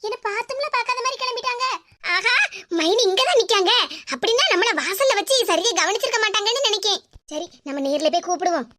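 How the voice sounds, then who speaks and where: A woman's voice: extremely high pitch, lively intonation, fast talker, bright, forceful tone, slight background noise, full character voice. A woman voicing a young village woman in a cartoon, an anxious, pleading sister speaking with a Tirunelveli Tamil accent. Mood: fretful. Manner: pleading, repeatedly calling out.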